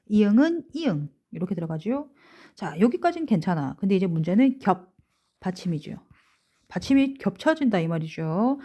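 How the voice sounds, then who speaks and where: A woman's voice: medium pitch, mellow. Woman teacher drawing out key words. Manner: explains step by step, often checks with rhetorical questions; stretches out words and letter names when stressing them. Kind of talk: school lesson lecture.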